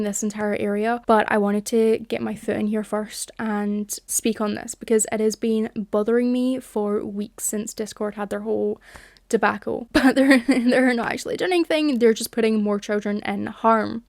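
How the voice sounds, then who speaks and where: A woman's voice: a little high, darkish tone, no room sound, clean studio sound. A young British woman giving an earnest, impassioned commentary vlog to camera, a little rambling at times. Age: young adult. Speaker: commentary YouTuber.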